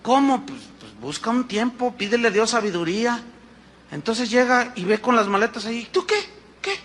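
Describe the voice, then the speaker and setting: A pastor in his fifties preaches with a high, ringing voice. He talks to the congregation in an animated way, calling them brothers, with a faint hiss behind him. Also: normal speed. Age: 50s. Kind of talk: sermon.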